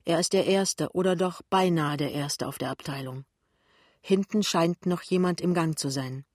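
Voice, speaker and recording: A man reading a novel aloud in a steady, plain storytelling manner. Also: on the high side, moderate pace, no room sound, studio quality. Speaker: reader. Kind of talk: literary reading.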